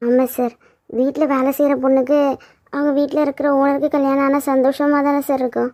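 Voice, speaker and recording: Woman doing a young cartoon housemaid, very high voice, earnest, pleading. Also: flat delivery, a little fast, a little mellow, close to an everyday voice. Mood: subdued. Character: young housemaid woman, shy, hiding her hurt. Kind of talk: cartoon dubbing.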